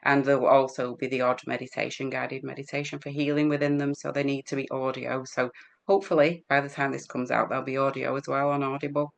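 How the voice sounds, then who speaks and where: Woman, English accent, interview guest, quick-talking, chatty, laughs often. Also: very deep voice, level tone, vocal fry. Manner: chatty, laughs while telling stories. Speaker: guest healer. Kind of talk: casual interview storytelling.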